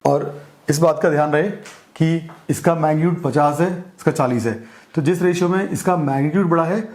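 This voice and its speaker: A man's voice: fairly high pitch, brisk, a little mellow. A man with an Indian accent teaching a physics lesson, explaining step by step and checking in with his students often. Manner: explains step by step, mixing English terms into Hindi, checks in often. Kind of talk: classroom-style lecture.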